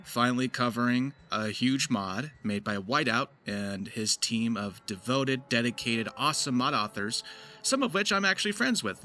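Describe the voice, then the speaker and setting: A man with a medium-pitched, sharp voice, a video host and amateur voice actor, delivers effusive, emphatic, semi-scripted video essay commentary with some swearing. Faint music plays beneath his voice-over.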